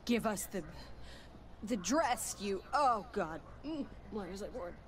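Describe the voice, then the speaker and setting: Sarcastic young woman, lively pitch, bossy, snappy, video game dialogue, background ambience. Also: takes it slowly, a little hiss or hum. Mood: overwhelmed. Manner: sardonic, snappy.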